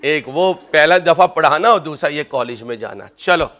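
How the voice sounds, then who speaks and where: Chatty guy teaching accounts, kinda high voice, cracks jokes at the class. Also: lively intonation, moderate pace, fairly bright tone. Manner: chatty, joking, addresses students as kids. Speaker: accounting lecturer. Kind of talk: classroom lecture with personal anecdotes.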